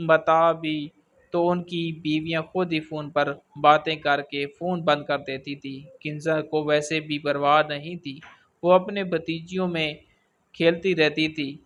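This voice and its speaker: A man reading a scripted story aloud in a steady, even storytelling manner. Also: fairly high pitch.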